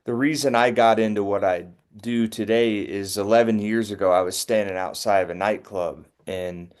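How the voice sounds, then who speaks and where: A man's voice: on the low side, steady tone, moderate pace, a little mellow, smooth. A man from North Carolina telling a personal story candidly and with self-awareness.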